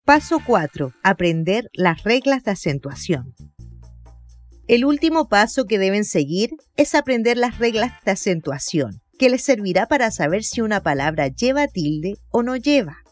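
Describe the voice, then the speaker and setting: A woman narrates a scripted lesson in a clear, deliberate teaching voice. Her pitch moves a lot, keeping the explanation lively. Soft music plays faintly behind the voice-over.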